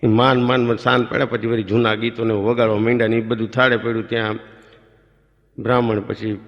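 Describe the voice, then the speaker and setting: A man telling a lively, rustic comic story on stage and acting out the voices of the people in it. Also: fairly low pitch, a little fast, muffled recording. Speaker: stand-up comedian. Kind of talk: comic storytelling before a live audience. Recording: live stage recording in a reverberant hall.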